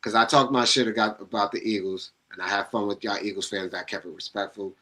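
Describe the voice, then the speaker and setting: A man's voice: lowish voice, steady tone, fast, sharp tone, low-quality recording. A young man co-hosting a sports podcast in casual chat, blunt and profane in his trash talk. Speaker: podcast co-host.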